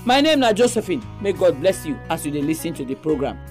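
A woman's voice: low voice, very animated, quick pace, darkish tone. Nigerian Pidgin-speaking woman hosting, music behind. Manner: speaks Nigerian Pidgin, addressing listeners directly. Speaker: radio program host.

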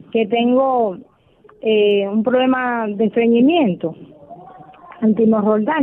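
A woman from the Republic, calling in over a crackly, breaking-up phone line to ask a doctor about her health. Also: fairly high pitch. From Dominican Republic. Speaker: caller. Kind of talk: call-in question to a doctor. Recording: tinny, choppy telephone line.

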